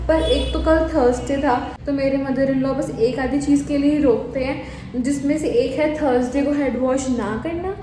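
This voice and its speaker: Young woman vlogger, a touch high. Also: background noise. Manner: chatty, mixes English phrases into her talk; softly whispered, quiet talk. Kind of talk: casual daily vlog chat. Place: home.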